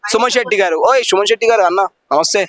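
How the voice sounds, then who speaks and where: Man, high voice, rapid, rambling street opinion, dry close sound. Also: a bit bright, no room sound. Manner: rambling, talks fast, jumps between topics. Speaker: street interviewee.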